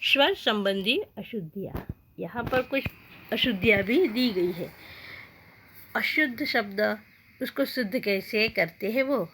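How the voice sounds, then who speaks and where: A woman teaching a school grammar lesson, reading out letters and words slowly and saying each one twice. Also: a little high, expressive, a bit bright, slight background noise. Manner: slow, deliberate, repeats each word twice.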